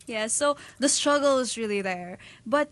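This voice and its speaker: A woman hosting a podcast who reads scripted introductions and asks steady questions. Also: a little high, moderate pace, no room sound. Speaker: podcast host.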